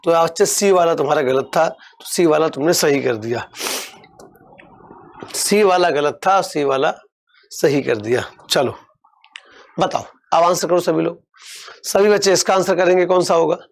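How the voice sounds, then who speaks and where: A young man teaching an online exam-prep class, coaxing his students and repeating words slowly. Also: fairly high pitch.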